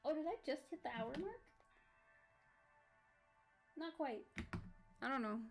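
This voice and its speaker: A woman's voice: high voice, lively intonation, unhurried. A woman streamer chatting casually and rambling while she draws. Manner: rambling, full of "like" and restarts. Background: faint background music.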